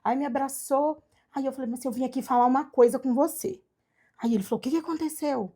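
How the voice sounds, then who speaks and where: A woman from Brazil telling her adoption story in a casual chat, animated and acting out the voices of people she quotes. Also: high-pitched, fast. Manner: animated, acts out quoted dialogue. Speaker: guest, adoptive mother.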